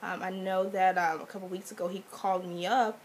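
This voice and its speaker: A woman's voice: mid-range voice, level tone, fairly quick. A young woman with a sick, stuffy-nosed voice gives casual advice to camera in a vlog. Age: young adult. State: sick with a cold, congested stuffy-nose voice. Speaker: vlogger. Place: small indoor room. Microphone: webcam or laptop mic at arm's length. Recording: webcam audio with faint background noise.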